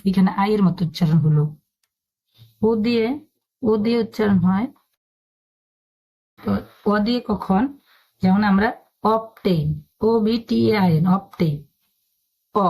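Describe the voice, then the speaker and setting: A woman's voice: mid-range voice, a little mellow. A woman teaching a spoken lesson, patiently spelling out words letter by letter.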